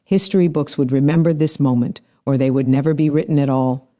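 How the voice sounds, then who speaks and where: Brief: male narrator, measured and dramatic, warm mellow mid-pitched voice. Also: fairly even intonation, muffled recording. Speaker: story narrator. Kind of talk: scripted narration.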